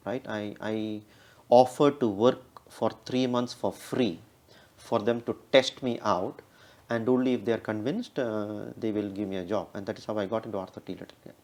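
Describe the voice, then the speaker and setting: A man with a heavy Indian accent speaks fast as an interview guest telling stories, frequently tacking a questioning "right?" onto his sentences. His fairly low voice has a steady tone and is a little mellow.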